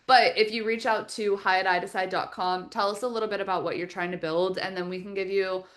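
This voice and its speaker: Woman walking through a software tutorial. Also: mid-range voice, fairly even intonation, brisk. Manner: step-by-step instructional, friendly and practical. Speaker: software trainer for the company. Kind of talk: live webinar screen-share tutorial.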